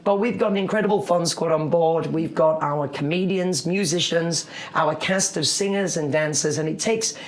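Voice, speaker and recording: A man's voice: a little high, normal speed, hardly any pauses. Upbeat, cheerful man working as cruise director. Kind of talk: upbeat interview chat.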